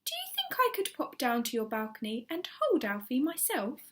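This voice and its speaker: A woman voicing a mild, shy gentleman neighbour in a children's story, with a casual, measured manner. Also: sits high, huge pitch swings, exaggerated voice. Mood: hopeful.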